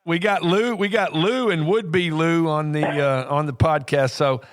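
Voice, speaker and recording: A man's voice: a little high, measured pace. A man hosting a casual podcast interview, wrapping up in a friendly, promotional way. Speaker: podcast host. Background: music.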